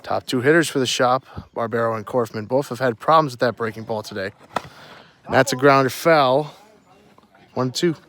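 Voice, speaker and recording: A man announcing a baseball game live, giving short, clipped updates on pitches and the count. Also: normal speed, a bit bright.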